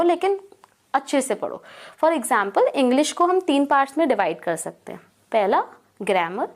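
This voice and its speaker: High-voiced young woman giving study tips. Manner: relaxed, reassuring, mixes English words into Hindi. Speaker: exam prep advisor. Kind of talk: casual study-advice talk.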